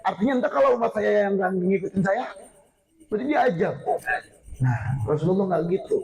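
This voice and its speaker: A man preaching a casual sermon, telling a story with lively repetition and drawn-out quoted lines. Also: sits high, creaky, rough recording. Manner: animated storytelling, repeating phrases, drawn-out quotes.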